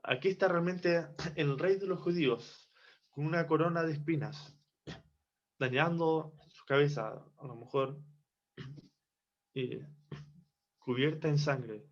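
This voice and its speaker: A man giving a devotional Bible teaching from Chile, reflective and repeating phrases for emphasis. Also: a little high. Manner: slow, reflective, with restarts and emphatic repetition. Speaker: preacher. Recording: dull lo-fi recording.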